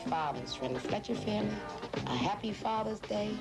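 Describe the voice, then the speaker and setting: A woman's voice: mid-range voice, expressive, moderate pace. A middle-aged woman talking in a plain-spoken, colloquial way in an informal interview. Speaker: boxer's mother being interviewed. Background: music.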